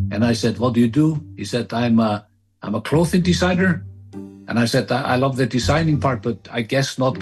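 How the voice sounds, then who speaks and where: A man from Iceland, mid-pitched, recalls his story in an interview clip, pausing and restarting as he goes. Faint music sits under his voice. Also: a little mellow. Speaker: interviewee, founder.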